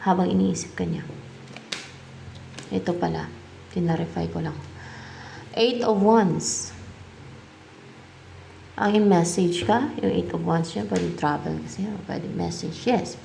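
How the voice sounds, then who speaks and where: A woman's voice: fairly low pitch, vocal fry, darkish tone, a little hiss or hum. A woman with a Filipino accent giving a tarot reading, musing aloud as she asks and answers her own questions. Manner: mixes English tarot terms into her talk. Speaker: tarot reader.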